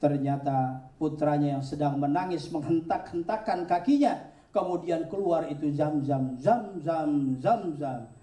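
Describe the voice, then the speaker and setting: A man gives an animated sermon, telling stories and acting out each character's voice. His voice is mellow and fairly high, and it comes from some distance, ringing around an echoey hall. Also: a little slow. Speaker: preacher teaching pilgrimage rites. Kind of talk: sermon with storytelling. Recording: echoey hall, speaker far from mic.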